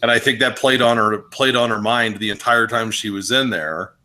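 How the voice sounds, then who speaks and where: A man co-hosting a wrestling podcast, talking in a loose, rambling way with lots of restarts and animated rants. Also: fairly low pitch, moderate pace. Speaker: podcast co-host. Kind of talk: casual wrestling podcast chat.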